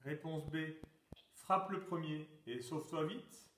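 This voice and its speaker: In a lockdown quiz and exercise session, a man with a fairly high voice quizzes his pupils on sport trivia, reading each answer choice like a teacher at a measured pace and calling out "top!" to start every workout exercise. He sits well back from the mic in a reverberant room. There's noticeable background noise.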